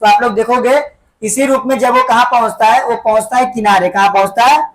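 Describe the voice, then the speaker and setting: Woman teacher, kinda high voice, keeps asking the class to say it back, lots of "right?" tags. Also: steady tone, fairly quick. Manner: keeps quizzing the class with repeat-back questions; tags sentences with "है ना" and "ठीक है बेटा". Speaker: school teacher. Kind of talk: classroom lesson.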